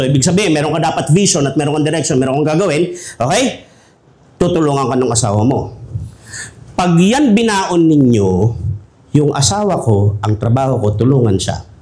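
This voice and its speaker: A man's voice: mid-range voice, a little mellow. A man from the Philippines preaching a humorous sermon as pastor, joking and conversational, laughing often.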